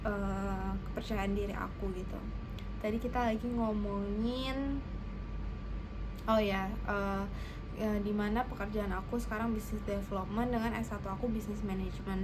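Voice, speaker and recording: A woman in her twenties with a slightly hoarse voice, chatting casually and a bit hesitantly to camera as a vlogger. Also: medium pitch, noisy background. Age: 20s. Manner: hesitant, self-conscious, informal. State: slightly hoarse from fasting thirst. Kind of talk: casual personal vlog chat to camera.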